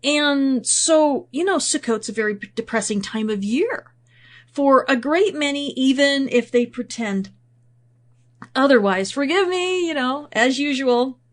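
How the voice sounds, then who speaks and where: A woman's voice: high-pitched, lively intonation, measured pace. Congested woman teaching Bible context. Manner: chatty and self-deprecating, with asides and fillers. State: congested, sniffling from draining sinuses. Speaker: podcast host and Bible teacher. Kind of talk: casual spoken teaching, reading scripture aloud.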